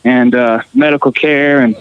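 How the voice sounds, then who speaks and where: A man's voice: medium pitch, moderate pace, clear, resonant tone, dry recording, narrow, tinny audio. A man from Costa Rica, a guest musician, telling fishing and travel stories in casual chat with fillers and restarts. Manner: relaxed storytelling with fillers and restarts.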